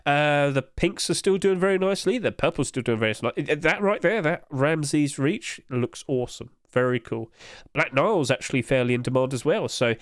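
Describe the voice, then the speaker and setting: Animated and a little high, his voice moves at normal speed in clean studio sound with no echo. The gaming market commentator, nose blocked up, chats casually about in-game item prices over his screen, loose and filler-heavy.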